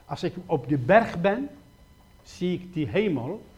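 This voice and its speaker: Man preaching, high voice, impassioned, loud then hushed, repeated questions. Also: sing-song, slow, husky. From Iraq. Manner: impassioned, swings between loud exhortation and quiet pleading; repetitive rhetorical questions. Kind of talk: sermon.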